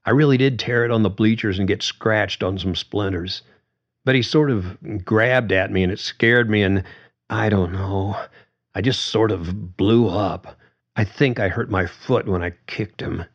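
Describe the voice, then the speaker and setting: A man with a somewhat low, slightly rough voice, recorded in a muffled way, plays a young woman answering her father. As the daughter, she replies in a hesitant, halting way, shaken yet frank.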